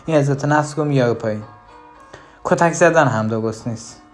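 A parenting advisor giving direct advice to the listener, asking rhetorical questions and shifting between lively and low, emphatic tones. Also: soft background music.

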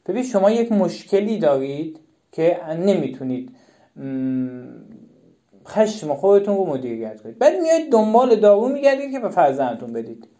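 A woman's voice: on the low side, big pitch swings, mellow. A woman giving a live-stream talk to parents, emphatic and repeating her key questions. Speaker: parenting educator.

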